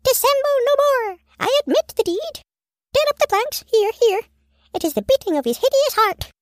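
A man voicing a cheeky little creature sidekick with a high, squeaky, perky voice. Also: sing-song, moderate pace, no echo, studio quality. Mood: theatrical.

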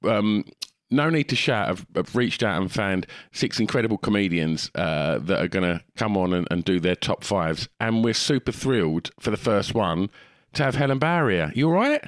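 A man's voice: fairly low pitch, animated, normal speed, no room sound, studio quality. A man with an Essex accent hosting a casual comedy podcast in a blokey, teasing, sweary way. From Essex, England. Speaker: podcast host.

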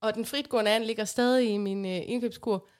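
A woman chatting casually and telling an everyday anecdote with lively energy. She laughs often between lines, and her voice sits a bit high. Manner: animated storyteller, laughs often. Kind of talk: casual storytelling chat.

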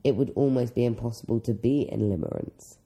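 Twenty-something podcast cohost, really dark gravelly voice, slow and unsure, hunting for words. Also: medium pitch, poor audio. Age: 20s. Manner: thoughtful, hesitant, searching for words. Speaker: podcast co-host. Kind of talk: casual chat.

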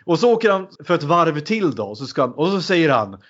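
A man's voice: on the high side, very animated, fairly bright tone, dull audio. A man in a casual chat, animatedly retelling a film with many fillers.

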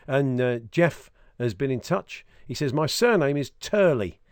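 A man's voice: medium pitch, expressive, measured pace, clear, resonant tone, dry recording. A man hosting a casual sports radio show, telling rambling, jokey anecdotes into a close studio microphone.

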